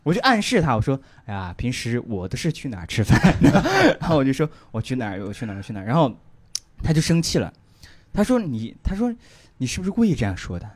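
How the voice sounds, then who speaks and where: A man's voice: fairly high pitch, huge pitch swings, brisk, husky. A man telling a story on a comedy chat show, hesitant, repeating words and laughing at himself. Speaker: comedian guest. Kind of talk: casual comedy podcast chat.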